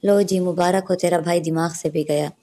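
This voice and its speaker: Woman doing a sharp-tongued young friend, wry muttered jabs, low soft tone, storybook. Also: fairly even intonation, normal speed, natural voice. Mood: sarcastic. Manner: mutters sarcastic asides.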